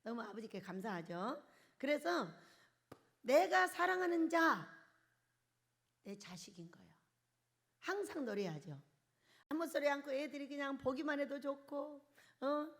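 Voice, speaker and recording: An older woman preaching in a high voice that leaps up and down all over the place. She swings between loud, emphatic bursts and quiet, soft asides. She keeps asking the congregation questions as she goes. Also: expressive, unhurried, long pauses. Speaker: pastor. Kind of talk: charismatic sermon. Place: church hall.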